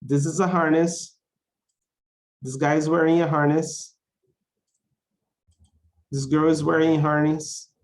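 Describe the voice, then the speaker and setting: A man's voice: fairly high pitch, level tone, unhurried, pauses often. A man teaching a class, explaining things simply, repeating key phrases and checking that learners follow. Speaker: English teacher of a conversation class. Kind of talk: instructional lesson, explaining simply with check questions.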